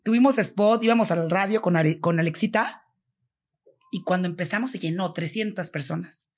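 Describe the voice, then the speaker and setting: Woman, Mexican accent, breathy husky voice, animated storyteller, acts out every line of dialogue. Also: fairly low pitch, moderate pace. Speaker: foundation founder, guest. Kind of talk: conversational interview storytelling.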